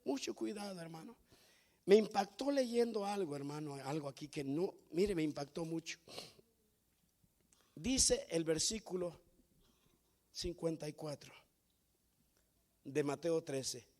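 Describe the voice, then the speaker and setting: A male pastor preaching a sermon, telling stories and building to loud emphatic peaks. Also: a little high, a little slow, pauses often. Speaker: founding pastor.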